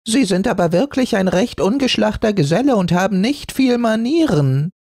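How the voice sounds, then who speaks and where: A man voicing a prim, sharp-tongued old maid silk ribbon who talks fast and high. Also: animated, no echo, studio quality. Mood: haughty. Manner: sharp, haughty.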